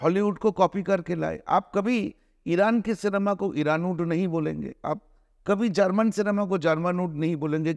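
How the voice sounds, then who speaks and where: A man's voice: sits high, a little mellow, no room sound. Earnest argumentative man, dry close sound. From India. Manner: earnest, argumentative, with frequent restarts and drawn-out hesitations. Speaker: film director, interview guest. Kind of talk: conversational interview, mixing Hindi and English.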